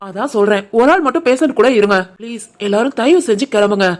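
A woman voicing a calm, reassuring male hospital doctor who explains patiently, with a Tirunelveli Tamil accent. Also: on the high side, fast, natural voice.

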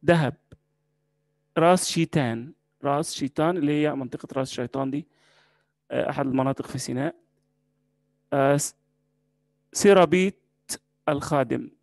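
Egyptian man, english teacher, gravelly, slightly high voice, dry close sound, repeats each word slowly. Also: a little mellow, dry recording. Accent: Egyptian Arabic. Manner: slow, repeating each word several times. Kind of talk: vocabulary lesson.

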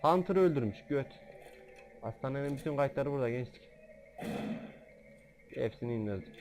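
A man giving let's-play gaming commentary, excitable, joking and swearing freely. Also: medium pitch, moderate pace, faint music behind. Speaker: gamer.

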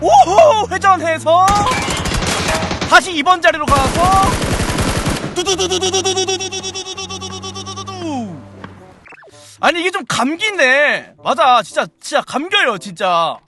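A young man streaming a shooter game, commenting excitedly, exclaiming often and imitating gunfire sounds out loud. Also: very high-pitched, measured pace, loud music behind the voice. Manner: playful, mimics gunfire sounds, frequent exclamations.

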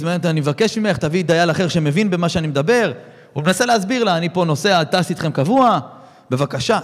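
A man, a rabbi telling a story in a sermon and acting out its dialogue with lively swings in voice. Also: a little high. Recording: long hall reverb.

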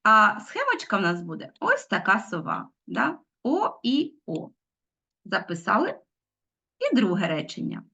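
A woman's voice: mid-range voice, fairly bright tone. Middle-aged woman, schoolteacher, questioning her class, muffled lo-fi sound. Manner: explains step by step, asks pupils questions. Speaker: teacher. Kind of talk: recorded online lesson. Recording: dull lo-fi sound.

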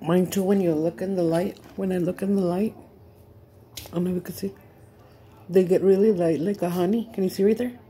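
A woman's voice: on the low side, steady tone, moderate pace, pauses often, mellow, a little hiss or hum. A middle-aged woman with a Mexican accent, chatting casually to her viewers at home, mixing English and Spanish with crude slang and plenty of laughter. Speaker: vlogger. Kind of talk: casual chat to camera.

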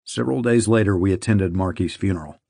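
A man narrating an audiobook in a measured, somber reading. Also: low voice, gravelly, dark tone, no echo, clean studio sound. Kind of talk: scripted narration.

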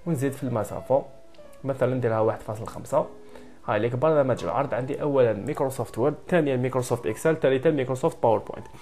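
A man with an Algerian Arabic accent explains a presentation program step by step at a very fast clip. He talks in a brisk, practical way and drops French computer terms into his speech. Soft music plays faintly behind him. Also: mid-range voice. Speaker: software instructor. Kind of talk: screen-recorded tutorial.

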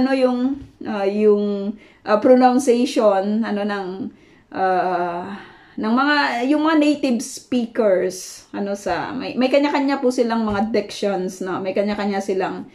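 A woman's voice: mid-range voice, a little mellow. A woman from the Philippines giving a conversational Bible study talk, full of fillers and tag questions and mixing in English words. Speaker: Bible teacher.

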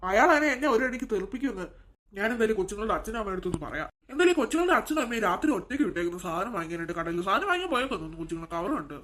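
Old cartoon farmhand voiced by a woman, fretful, muttering to self, fast talker. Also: mid-range voice, big pitch swings, fairly bright tone. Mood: worried. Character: elderly farm worker, weak and worried.

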